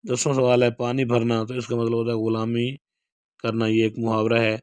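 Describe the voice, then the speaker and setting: Going through a model paper, a man from Pakistan who lectures in Urdu reads out each exam question, then explains its answer in a steady way. He has a mid-range, clean voice with no room sound.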